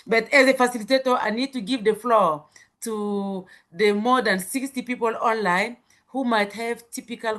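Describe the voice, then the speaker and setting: French-accented woman hosting a webinar on a call, chatty, laughs a lot. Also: medium pitch. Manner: warm, chatty, laughs often. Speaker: webinar facilitator. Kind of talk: moderating an online webinar. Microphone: video call.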